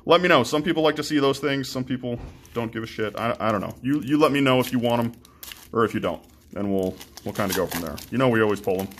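A man's voice: fairly low pitch, slight background noise. A young man casually chatting and swearing as he opens trading card packs, with lots of ums and restarts. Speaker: card-breaking channel host. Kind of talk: casual card-opening commentary.

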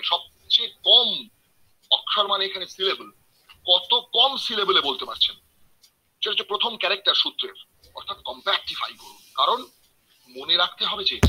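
A middle-aged man lectures over a video call, his voice high and very bright with a husky edge. He explains step by step, addresses his listeners directly, and slows down to recite old verses. The audio is tinny, like an online call. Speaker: professor giving a webinar lecture. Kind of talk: lecture on ancient mathematics.

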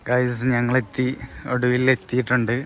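A man's voice: medium pitch, moderate pace, rough recording. A man, vlogging casually as he shows people around a resort. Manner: chatty, keeps checking "all set?". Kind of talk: casual tour vlog. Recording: steady background noise.

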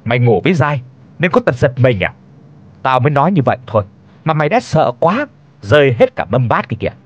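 A man's voice: mid-range voice, sing-song, a little fast, husky, highs cut off. A man voicing a drunk, violent middle-aged village husband who slurs and snarls his abuse in a horror story. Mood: jeering.

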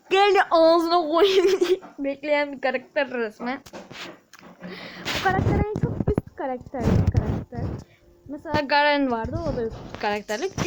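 A woman giving casual gameplay commentary as a channel host, excitable, with frustrated outbursts and shouted sound effects. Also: high voice, noisy background.

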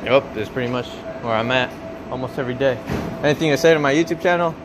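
A fast-talking young man with a mid-range voice keeps up casual, teasing vlog chatter while filming his coworkers on his phone, laughing frequently. The clip comes from a large indoor warehouse floor, shot on a handheld phone camera with noisy ambience around him.

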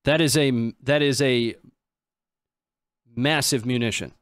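A stream host in his thirties speaks slowly and clearly in a resonant mid-range voice, casually commenting live on footage. He's in a small indoor studio at a close desk microphone on a boom arm, with no room sound.

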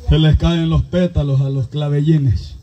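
A man's voice: a little high, fairly even intonation, a little slow, mellow, dull audio. A man preaching a fervent sermon, with a strong voice and constant calls to his "brothers.". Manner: impassioned, repeatedly addressing listeners as brothers. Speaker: pastor.

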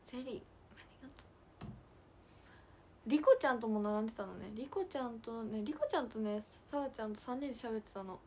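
A woman's voice: fairly high pitch, brisk. Chatty young woman with a lilt. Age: young adult. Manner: chatty and giggly, dropping to soft near-whispers to thank viewers. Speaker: idol livestream host. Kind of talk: casual livestream chat reading fan comments.

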